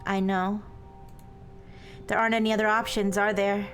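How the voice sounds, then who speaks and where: A woman voicing an earnest young woman in a paranormal romance visual novel, reading in a soft, solemn, dramatic way. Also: level tone, moderate pace, soft background music, natural voice. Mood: solemn, tender. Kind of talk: visual novel read aloud. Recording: noisy, low rumble behind.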